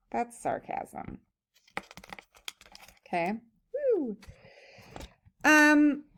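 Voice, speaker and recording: Woman, teacher, reading aloud, think-aloud asides, laughs while reading, medium pitch. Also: darkish tone.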